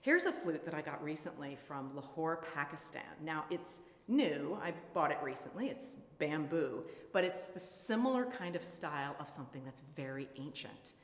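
A low-voiced woman with a very lively, animated delivery explains things with playful enthusiasm. Her voice rings out in an echoey space with a long reverb tail. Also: moderate pace, hardly any pauses. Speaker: flutist and museum presenter. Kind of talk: educational presentation.

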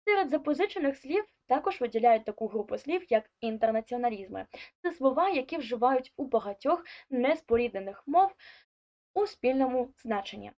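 A woman with a high-sitting, animated, somewhat mellow voice teaches a language lesson online, reading scripted explanations and going through examples clearly and deliberately one by one. The audio is dull and lo-fi.

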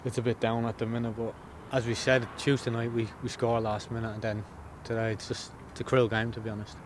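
Man, thirties, footballer, post-match interview, quick talker, outdoor stadium, faint traffic hum. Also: mid-range voice, level tone. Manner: plain-spoken, repeats words as he thinks.

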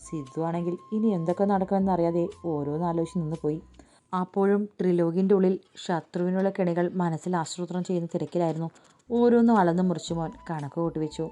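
A woman reads a story aloud in a steady, even way. Her voice is low, warm and mellow, and faint music plays behind her. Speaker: narrator. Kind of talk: audiobook story reading.

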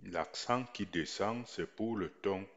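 A man teaching a writing lesson in a slow voice-over, repeating each point deliberately. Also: sits low, lo-fi sound. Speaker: language teacher.

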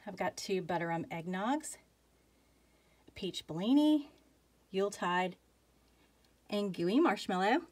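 A woman's voice: medium pitch, lively intonation, slow, pauses often, darkish tone. A woman, chatting casually in a vlog and reading off a long list of items one after another, a little out of breath. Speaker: candle collection vlogger. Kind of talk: casual chat, listing items.

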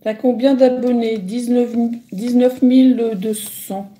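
A middle-aged woman talks on a casual phone livestream, a little higher-pitched than most women. Her voice is mellow and soft-edged, and she rambles through viewer questions with plenty of hesitant fillers. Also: fairly even intonation, slow pace. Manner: chatty, hesitant, many fillers. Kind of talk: casual live chat reading comments.

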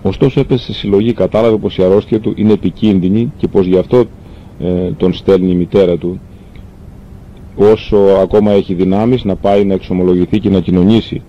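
A man reading a classic novel aloud, telling the story calmly and earnestly with the odd stumble. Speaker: reader. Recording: dull lo-fi recording with faint rumble.

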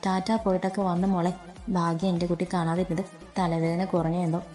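A woman voicing a gentle young woman, soft, affectionate, low-pitched, flat, storybook reading. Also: a little fast, soft background music, close to an everyday voice. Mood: tender.

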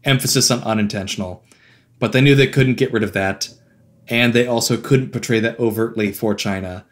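Podcast co-host, male, mid-pitched, wry and opinionated. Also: brisk. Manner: wry, opinionated, laughing asides. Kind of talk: casual chat.

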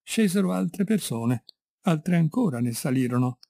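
A man with an Italian accent reading a classic short story in a measured, expressive way. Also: fairly high pitch, creaky, dry recording, studio quality. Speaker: narrator. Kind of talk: literary audiobook reading.

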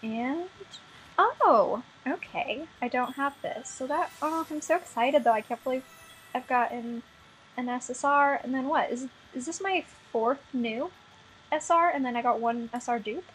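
A woman's voice: sits high, normal speed, fairly bright tone, slight background noise, poor audio. Giggly young woman gushing over game pulls. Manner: bubbly, gushing, giggly and apologetic. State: slightly under the weather. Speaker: gaming vlogger. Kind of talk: casual gacha pull commentary. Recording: faint background game music.

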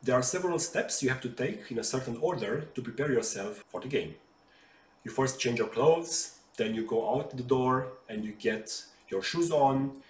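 A man speaking at medium pitch and a moderate pace sounds animated as he teaches kids. He's an RPA developer giving a friendly explainer in a bright living room with a sofa, gesturing with his hands as he keeps things simple and patient. The distant, off-mic recording has a roomy echo.

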